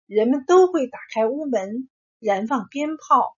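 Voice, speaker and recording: A woman storyteller narrating a folk tale in a gentle, measured way. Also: sits high, lively intonation, slightly rough. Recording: dull lo-fi recording.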